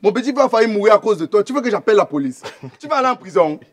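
An actor playing a confrontational eldest brother who mocks an intruder. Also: male voice, high-pitched, very animated, very fast. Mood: mocking. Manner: mocking, confrontational. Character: protective young man, eldest brother of the family.

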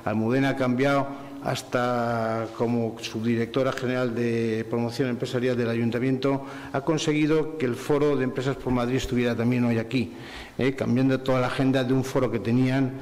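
A man's voice: mid-range voice, little pitch movement, brisk, a little hiss or hum. A middle-aged man from Valencia gives formal, effusive thanks into a table microphone. His voice sits in the middle range. A long reverb from the large hotel room trails behind each phrase. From Valencia, Spain. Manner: warm, effusive, repetitive listing. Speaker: forum collaborator giving closing thanks. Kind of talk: formal public thanks at a business breakfast. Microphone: table microphone on stand.

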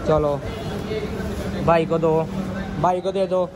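Loud music plays behind a young man who speaks slowly in a fairly high, steady voice. He narrates a casual phone vlog of a bakery trip, coaxing children with short repeated prompts. He is outdoors on a street and then inside a small bakery, and the street and shop noise behind him is clear.

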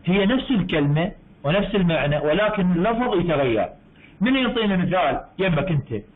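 Iraqi man teaching over a tinny call. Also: high voice. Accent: Iraqi Arabic. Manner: explaining slowly with repeats and self-corrections. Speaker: university English teacher. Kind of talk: online lecture. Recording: tinny online-call audio.

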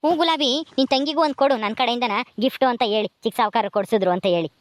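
A woman playing a brisk, generous young master. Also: fairly high pitch, expressive, no echo, natural voice. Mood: breezy. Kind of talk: home comedy skit.

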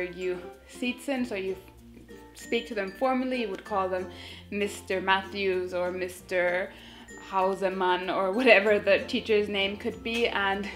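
A young woman from Finland, chatting casually to camera in a bright room and gesturing as she talks. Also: medium pitch. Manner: chatty, gesturing with both hands. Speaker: vlogger. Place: indoors, bright room in front of a sofa.

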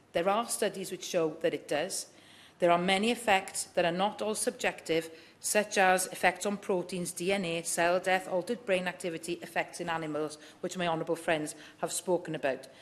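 A middle-aged woman, speaking as a member of parliament in a chamber debate, reading prepared remarks firmly and earnestly. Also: on the low side. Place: large wood-panelled debating chamber.

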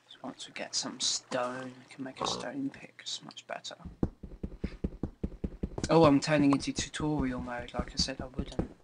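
A young man who hosts let's plays chats casually while gaming, sniffly with a cold, his medium-pitched voice gravelly. He thinks aloud, often quietly murmuring, and game music plays behind him as background noise.

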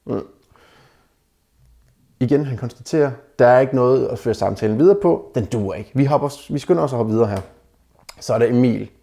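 A man's voice: mid-range voice, creaky, long pauses, warm tone. A man giving casual dating advice to the camera, bluntly mocking the messages he critiques and calling his viewers guys. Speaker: dating advice video maker.

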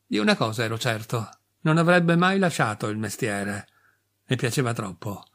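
Guy reading an audiobook, steady first person narration, dry bitter edge, normal pitch. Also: moderate pace. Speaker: audiobook reader.

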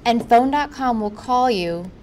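A woman presenting a software tutorial in an informal, instructional way. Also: on the high side, animated, a little slow, slight background noise. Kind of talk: software walkthrough narration.

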